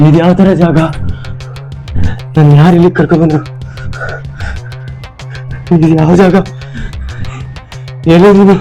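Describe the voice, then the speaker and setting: A man's voice: on the high side, fairly even intonation, a little slow, long pauses, mellow, faint music behind. A man playing a frightened, lost young man pleading for help. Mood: panicked.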